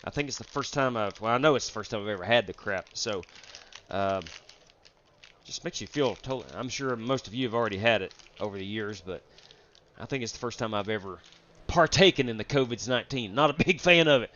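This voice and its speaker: On his live sim racing stream, a sick, tired man chats loosely with his audience, welcoming chatters by name and rambling with plenty of fillers. He has a lowish, fairly quick, slightly bright voice, with some background noise in the dull, dry lo-fi audio.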